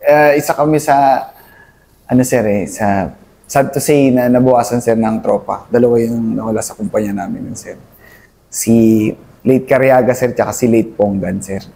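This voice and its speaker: Deferential Filipino soldier, warm low-toned voice. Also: male voice, steady tone, normal speed, vocal fry. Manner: deferential, says "sir" constantly, hesitant with many fillers. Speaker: army captain, interview guest. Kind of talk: interview, recounting service.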